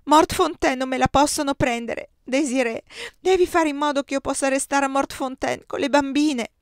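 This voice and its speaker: A woman's voice: normal speed, no echo, studio quality. A woman reader voicing a distraught young woman who sobs and pleads desperately. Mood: desperate pleading. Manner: desperate, high-pitched pleading.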